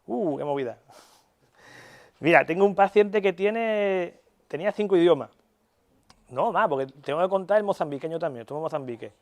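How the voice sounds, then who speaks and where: This young Spanish neuropsychology lecturer has a high, expressive, slightly mellow voice and talks at a moderate pace with frequent pauses. He keeps things relaxed and conversational, regularly asking "¿vale?" and swearing playfully, with a Spain Spanish accent.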